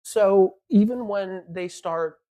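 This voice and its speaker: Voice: mid-range voice, takes it slowly, mellow. A podcast co-host in casual chat, telling long rambling stories and slipping into quoted voices.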